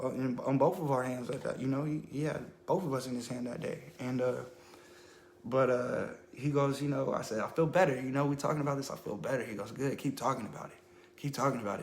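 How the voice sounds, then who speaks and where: A man's voice: mid-range voice, roomy sound, a little hiss or hum. A man sharing a personal religious testimony on a phone livestream, telling it in a casual, earnest way with many fillers. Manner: earnest storytelling, full of fillers and "I kid you not".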